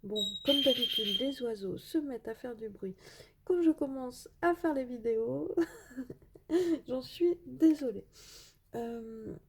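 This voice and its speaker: A woman's voice: a little high, a little slow, a bit bright. A woman vlogger chatting casually while unboxing craft mail, hesitant with many fillers and full of enthusiastic praise.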